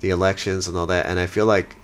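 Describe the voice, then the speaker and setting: A man in his thirties hosting a podcast, chatting casually and rambling with frequent laughs. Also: fast talker. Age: 30s. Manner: rambling, laughing, animated with big pitch jumps. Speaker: podcast host.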